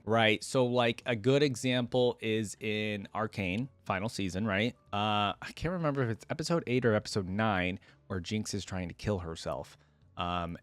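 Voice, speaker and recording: Here a man with a fairly low voice hosts a game lore reaction channel, reading text aloud and tossing in casual, chatty commentary. The recording is dry.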